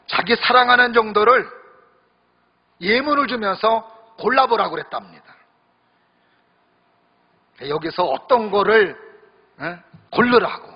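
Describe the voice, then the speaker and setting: A man's voice: high voice, breathy edge. A male pastor preaching a sermon in a church during a worship service, talking conversationally, joking and speaking straight to the congregation. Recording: echoey hall, dull lo-fi sound.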